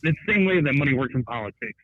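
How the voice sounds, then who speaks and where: A male caller on a call-in show rambles with plenty of "like" fillers, his voice on the high side, sing-song, and racing. He is heard through a Bluetooth phone headset over a tinny, dry phone line played on the show's speaker, with no room sound.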